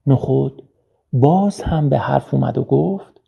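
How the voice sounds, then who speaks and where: A man narrating a children's storybook in a slow, gentle storytelling manner. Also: mid-range voice, gravelly, husky. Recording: dull lo-fi recording.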